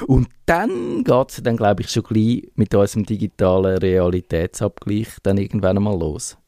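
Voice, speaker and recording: A man's voice: lowish voice, very animated, normal speed, dark tone, no echo, clean studio sound. A man with a Swiss German accent co-hosting a casual tech radio chat, chatty and hesitant, laughing often. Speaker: radio tech show co-host.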